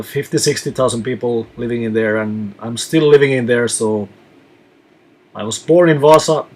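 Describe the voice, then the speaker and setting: A man from Finland who reads out viewer questions and answers them in a relaxed live chat as a touring musician. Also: mid-range voice.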